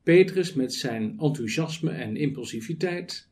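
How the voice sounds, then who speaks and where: A man preaching a sermon, building it on rhetorical questions and measured lists. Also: a little high, expressive, darkish tone.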